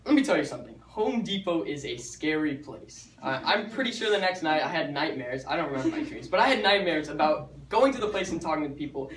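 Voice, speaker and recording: A man's voice: a little high, big pitch swings, fast, few pauses, a bit bright. Young man in an echoey hall. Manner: chatty, joking, stumbles over words. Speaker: student speaker. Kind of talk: nervous student talk. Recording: echoey hall, mic far off.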